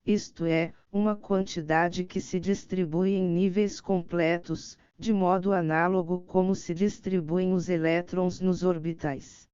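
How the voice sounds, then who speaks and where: A woman reading scripted audiobook narration in a measured, formal way. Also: lowish voice, a little mellow, smooth, no room sound, muffled recording.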